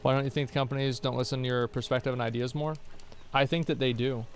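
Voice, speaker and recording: Gaming on a livestream, a young man casually chats with viewers, answering their questions bluntly and rambling from home. He talks quickly in a mid-range voice with little pitch movement.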